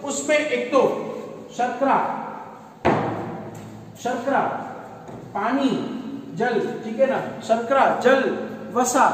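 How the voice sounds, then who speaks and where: A very high-voiced man teaches a biology class in Hindi, calling students "beta," posing questions and answering them himself while repeating key terms. The classroom lecture is recorded from far off in an echoey room, with a little hiss or hum.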